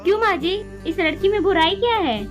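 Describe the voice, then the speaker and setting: A woman playing a young daughter-in-law who speaks gently and pleadingly in a family skit. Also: extremely high pitch, brisk, soft background music.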